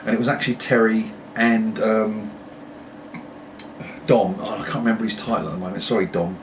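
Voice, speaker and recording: A middle-aged British vlogger who smokes a pipe talks a little fast, his fairly low voice staying steady. His casual chat to camera meanders, with apologies mixed in, as he puffs away. The home recording is off-mic and clearly noisy.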